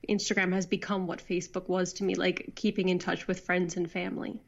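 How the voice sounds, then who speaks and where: A woman's voice: fairly low pitch, little pitch movement, fairly quick, gravelly. A woman speaks in a casual, conversational way with a Newfoundland accent that has some Irish colouring. She sounds like an interview guest on an internet call, with a dull, lo-fi sound. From Newfoundland, Canada. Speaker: interview guest, online video creator.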